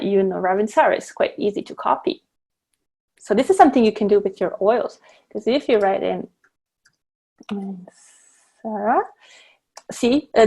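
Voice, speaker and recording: A woman leads an online class on blending essential oils over a video call. She explains each step patiently, but her sentences stumble, restart and fill up with ums and uhs. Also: mid-range voice. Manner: hesitant, with many fillers and restarts, explaining step by step. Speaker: guest presenter teaching essential oil blending. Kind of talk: online teaching demonstration.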